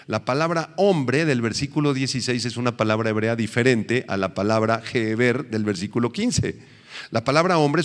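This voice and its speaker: A man's voice: medium pitch, fairly bright tone, big-room sound. A male pastor teaching a sermon, asking the congregation questions and answering them himself.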